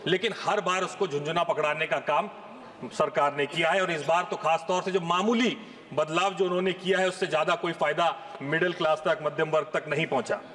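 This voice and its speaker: Speaking a little fast with fairly even intonation, this MP in his thirties has a voice on the high side and slightly bright. He delivers a forceful parliamentary address full of rhetorical questions into a desk mic, the big chamber adding a long hall reverb.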